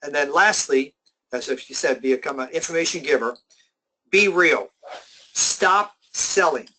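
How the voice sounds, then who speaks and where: A middle-aged man giving a sales training webinar, emphatic and slowing down to stress his key points. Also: fairly high pitch, bright, forceful tone, poor audio. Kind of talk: motivational webinar presentation.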